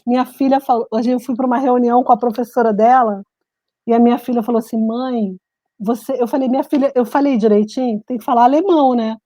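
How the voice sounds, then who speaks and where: A Brazilian-born woman living in Switzerland telling stories in a lively, animated casual chat, laughing often. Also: a little high, fast talker, dry recording. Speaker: guest, writer and journalist. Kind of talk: casual video-call chat. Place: home in Switzerland.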